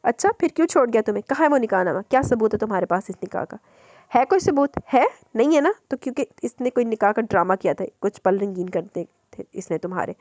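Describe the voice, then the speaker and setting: A woman's voice: medium pitch, animated, fast talker, hardly any pauses, darkish tone, dry recording, natural voice. A woman voicing a harsh, scornful middle-aged brothel madam in an audiobook novel, with a mocking tone. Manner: contemptuous, mocking.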